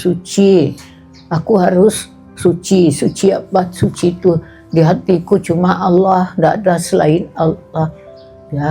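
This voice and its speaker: A woman's voice: lowish voice, gravelly, warm tone. A woman giving a casual religious talk in a homely way, driving points home with repeated little fillers. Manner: homely, colloquial, repeating points with "nah" and "tuh". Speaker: religious study speaker.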